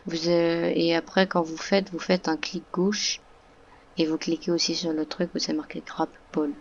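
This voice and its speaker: A woman's voice: lowish voice, flat delivery, normal speed, lo-fi sound. A woman talking through a game tutorial in a casual voice-over, hesitant, with many fillers and restarts. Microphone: computer microphone.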